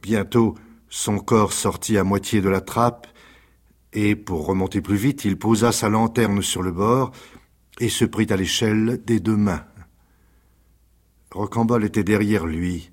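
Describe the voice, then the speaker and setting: A man reading aloud a dark serial novel in a measured, dramatic storytelling voice. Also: lowish voice, fairly even intonation. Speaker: reader. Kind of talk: scripted dramatic narration.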